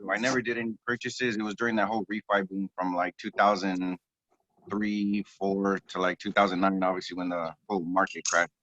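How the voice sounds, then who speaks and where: Male guest on a call, low-ish voice, casual rambler, flat dry phone-speaker sound. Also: fairly quick, dry recording. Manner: relaxed, rambling, many ums and restarts. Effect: heard over a phone speaker. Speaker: real estate agent guest. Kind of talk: casual interview storytelling. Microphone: phone on a group call. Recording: dull, dry phone audio.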